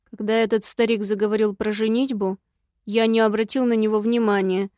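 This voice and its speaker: A woman's voice: mid-range voice, flat delivery, brisk, a little mellow, no echo, studio quality, lightly acted. Woman doing a grumbling eared imp. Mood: glum.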